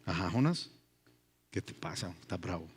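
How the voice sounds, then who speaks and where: A man voicing God as a calm, wryly teasing deity in a sermon retelling, speaking low and hushed. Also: moderate pace, breathy edge, heavily acted.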